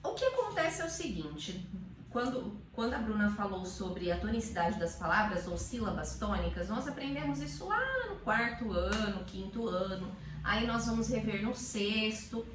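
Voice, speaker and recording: A woman teacher explaining in casual chat, animated and calling words out aloud to demonstrate. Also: medium pitch, normal speed, reverberant, far from the mic, background noise.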